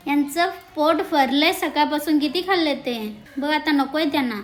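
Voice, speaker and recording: High-voiced chatty young woman vlogger. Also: normal speed, a little hiss or hum. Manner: chatty, cheers on and scolds animals. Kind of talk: casual village vlog.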